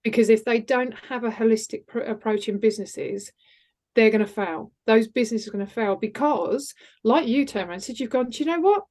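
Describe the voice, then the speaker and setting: A middle-aged woman speaks as a podcast guest. She talks candidly and emphatically, pressing her points home. Her voice sits a little above the usual pitch for a woman. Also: fairly quick, a little mellow. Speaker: guest, executive mentor and coach. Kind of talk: podcast interview conversation.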